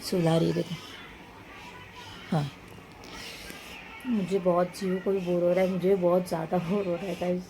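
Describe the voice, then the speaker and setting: Soft music plays behind a woman vlogging casually at home in an apartment building as she questions and coaxes her small child, then turns to her viewers. She speaks with a fairly low, mellow, level voice at a moderate pace, leaving long pauses.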